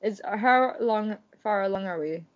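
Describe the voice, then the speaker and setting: A woman's voice: medium pitch, a little slow. A young woman co-hosting a podcast over an online call, playful and laughing often. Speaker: podcast co-host. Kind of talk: casual chat. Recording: dull lo-fi call audio.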